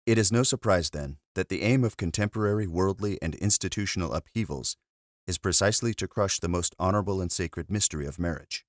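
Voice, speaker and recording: A man, a monk, reading a spiritual book aloud in a measured, earnest way after a brief casual intro. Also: low-pitched, no echo, clean studio sound.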